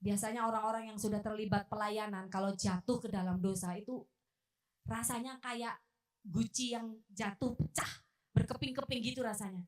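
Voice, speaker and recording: A woman preacher delivering a sermon in a church, animated, acting out quoted voices and swinging between loud outbursts and hushed asides. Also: mid-range voice, moderate pace. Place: church hall. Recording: echoey hall from far off.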